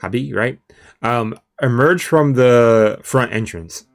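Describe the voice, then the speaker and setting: A man reads a visual novel aloud slowly in a medium-pitched voice, doing let's play commentary. He stumbles over long words and makes casual asides, with video game music in the background.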